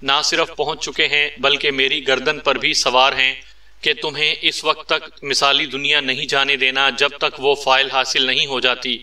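A man's voice: mid-range voice, level tone, normal speed, sharp tone. A man voicing a joking, witty male secret agent in a read-aloud story, with a playful, teasing manner. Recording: distant mic.

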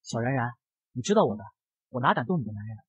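A man's voice: medium pitch, big pitch swings, fast, husky, dry recording, narrow, tinny audio, pitched below the performer's own voice. A man voicing a drunk, clingy young man in women's clothes who whimpers and whines, in a comic narration. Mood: whiny drunk. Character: drunk whiny young man dressed as a woman.

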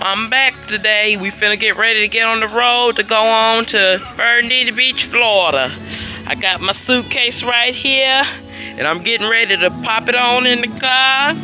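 A young man talking casually to his phone camera for a family travel vlog, with relaxed slangy greetings, recorded outdoors and in a hotel room. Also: high-pitched, rough recording. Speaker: vlogger. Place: outdoors in parking lots and inside a hotel room. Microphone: handheld phone at arm's length.

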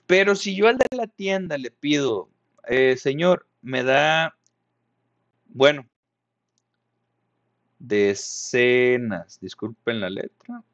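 A male primary school teacher with a slightly high voice and vocal fry patiently explains a math lesson to young pupils, often checking whether they follow. The recorded lesson sounds dry and dull.

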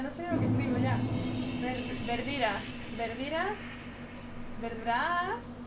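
A woman streaming a game, commenting excitedly, exclaiming and talking to her chat. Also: high voice, background noise. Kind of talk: live gameplay commentary.

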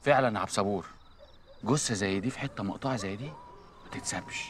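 In an Egyptian TV comedy scene, an actor with a lowish, slightly bright voice, lively intonation, and a fast delivery plays Abbas, a friend at a crime scene. Speaking Egyptian Arabic, this always-joking man mockingly teases his panicked friend with sarcasm; the audio has a little hiss or hum.

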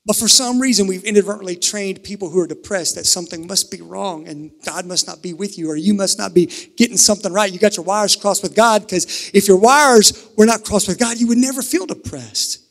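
A man from Kentucky preaching a sermon at a pulpit microphone, earnest, shifting between emphatic and hushed. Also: high voice, a little fast, gravelly, hardly any pauses. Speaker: pastor. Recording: reverberant sanctuary, pulpit mic.

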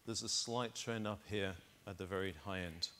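A man's voice: fairly low pitch, fairly even intonation, moderate pace, bright, forceful tone, slight background noise. A middle-aged man on a conference stage, talking into a lapel mic and walking the audience through test data step by step. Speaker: keynote speaker. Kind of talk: conference keynote presentation.

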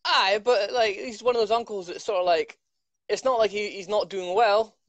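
A young man chats on a video call from home, self-mocking and quick to restart his sentences. His voice sits a bit high, and the sound is dry and close. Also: fairly even intonation, fairly bright tone, no room sound, lo-fi sound. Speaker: MMA fighter. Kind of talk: casual video-call interview. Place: living room at home.

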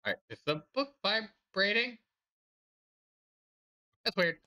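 Wry man with the hiccups, lively voice. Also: sits high, takes it slowly. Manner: wry, joking, talks to himself. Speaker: VTuber streamer. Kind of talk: horror game let's play commentary.

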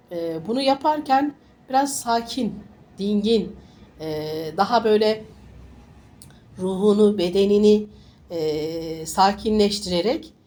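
Congested woman giving a halting fortune reading. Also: mid-range voice, dark tone. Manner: halting, reassuring, repeats phrases. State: congested with a summer flu, sniffly. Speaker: fortune teller. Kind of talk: informal coffee-cup style fortune reading to viewers.

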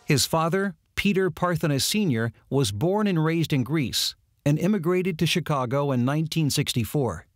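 A man reading scripted narration in a polished, even delivery. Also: a little high, normal speed, no room sound.

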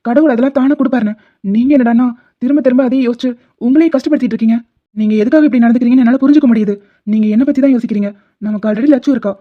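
A woman voicing a protective, hot-tempered young husband in an animated drama, scolding in fast outbursts. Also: fairly high pitch, natural voice. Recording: dull lo-fi audio.

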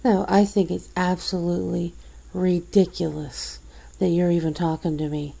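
Casting: actress as a bitter woman dumping a bad friend in ASMR role-play, scornful, mellow and gravelly. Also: fairly low pitch, flat delivery, normal speed, heavily acted. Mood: disgusted, cold. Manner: scornful, berating, swearing. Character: fed-up woman coldly cutting off a bad friend. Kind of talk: ASMR role-play, one-sided confrontation.

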